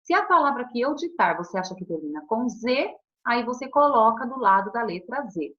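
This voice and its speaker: A Brazilian woman teaching a recorded primary school lesson, patient and affectionate, stretching out words slowly for the children. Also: a little high, very animated, fairly bright tone, highs cut off. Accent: Brazilian Portuguese. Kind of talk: recorded online class.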